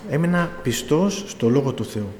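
A man's voice: medium pitch, expressive, darkish tone. Middle-aged man preaching in echoey hall. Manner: storytelling with quoted dialogue, pleading emphasis. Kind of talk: sermon testimony. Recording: echoey hall with faint room noise.

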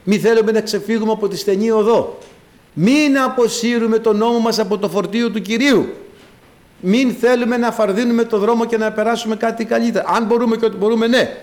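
A man's voice: fairly even intonation, a little mellow. A man preaching a sermon to his congregation, calling them brothers and acting out the voices in his stories with dramatic swings. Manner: dramatic, acts out quoted voices with big pitch swings.

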